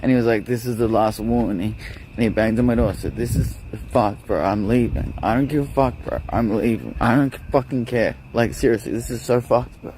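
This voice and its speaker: A man's voice: medium pitch, a little fast, darkish tone, a little hiss or hum. A drunk young man with an Australian accent, ranting on a livestream and repeating himself while he swears. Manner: rambling, repetitive, swearing. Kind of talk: live-streamed rant.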